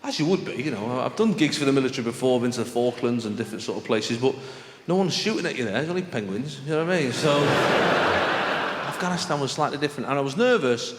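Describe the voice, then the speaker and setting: A man's voice: medium pitch, animated, fast talker. Echoey Mancunian man doing live stand-up. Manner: chatty, conversational, acting out exchanges. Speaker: stand-up comedian. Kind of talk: stand-up comedy storytelling to a live audience. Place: on stage in a large venue. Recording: echoey live hall with clear background noise.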